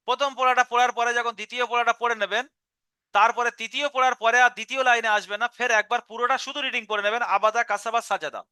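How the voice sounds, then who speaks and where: Male teacher on a live stream, patient instructor, smooth clear tone, dry close mic. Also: very high-pitched, sharp tone, no echo. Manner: patient, step-by-step explaining, repeats syllables aloud. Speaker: Quran reading teacher. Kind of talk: live online class instruction.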